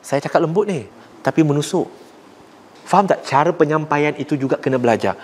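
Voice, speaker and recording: A man with a Malaysian accent preaching to young people, blunt and forceful, mixing languages and rising sharply to drive points home. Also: on the high side, animated, a little fast, breathy edge. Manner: rises sharply when making a point. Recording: long hall reverb.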